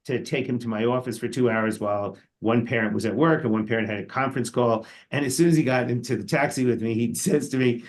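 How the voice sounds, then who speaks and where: An older man tells a story on a discussion panel. He talks in a chatty, rambling way, with fillers and restarts. His voice sits at an ordinary middle pitch. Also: fast talker, hardly any pauses.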